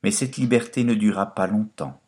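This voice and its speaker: Deep-voiced man narrating a fairy tale. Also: normal speed. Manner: expressive storytelling, lively and dramatic.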